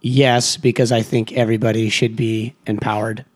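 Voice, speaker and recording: A man's voice: on the low side, level tone, moderate pace. A man guesting on a podcast, chatting casually and teasing the others with jokes, laughing often. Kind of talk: casual chat.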